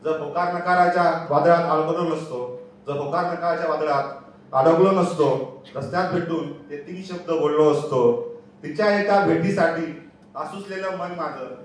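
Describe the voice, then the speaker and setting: Young man reciting wistful verse in a hall. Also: on the high side. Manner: wistful, repeating lines for emphasis. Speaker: student poet. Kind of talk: poem recital. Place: large echoey hall on stage. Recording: echoey hall from far off, faint noise.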